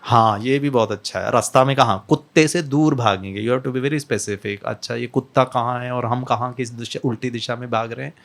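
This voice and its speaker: Gravelly man giving a lively talk. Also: mid-range voice, normal speed, hardly any pauses. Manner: mixes Hindi and English, asks the audience questions, acts out scenes. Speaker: spiritual speaker. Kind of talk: lively motivational talk to an audience.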